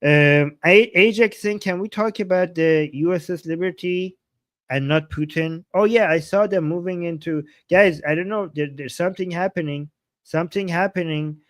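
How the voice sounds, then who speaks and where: A man's voice: high voice, normal speed, dry recording, clean studio sound. A man from Iran with an Iranian accent, hosting a live political reaction stream in an argumentative, insistent way, repeating points and asking rhetorical questions. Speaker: livestream host.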